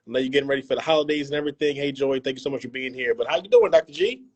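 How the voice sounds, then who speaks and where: A man's voice: mid-range voice, very fast, darkish tone, slightly rough. Casual man hosting a video call. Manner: casual, filler-heavy, repeats himself, joking. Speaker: host. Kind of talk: casual interview chat.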